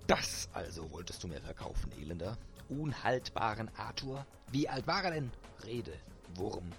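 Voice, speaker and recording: A man voicing a brutal, greedy man who talks in a low, sneering, menacing way. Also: normal speed, a little mellow, soft background music, close to an everyday voice.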